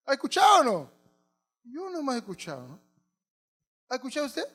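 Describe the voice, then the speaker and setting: A man's voice: very high voice, huge pitch swings, a little fast, a bit bright. A male pastor, preaching a sermon and putting questions to the congregation.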